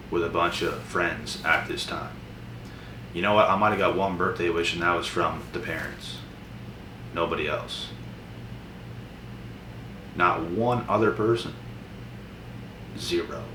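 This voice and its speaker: Young male motivational vlogger, very low voice, blunt and preachy, distant echoey room with noise. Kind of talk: motivational monologue to camera.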